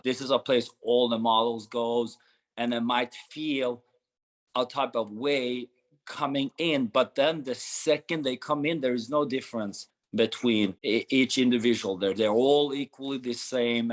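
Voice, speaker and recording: A man's voice: mid-range voice, rough recording. Norway-raised guy in his 30s, gym founder, earnest answers, lots of restarts, mid voice. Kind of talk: conversational interview answers.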